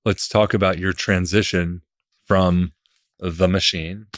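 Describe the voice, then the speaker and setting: A man's voice: low-pitched, steady tone, takes it slowly. A man hosting an interview, giving short encouraging replies and asking questions. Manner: brief encouraging back-channel replies. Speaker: podcast host.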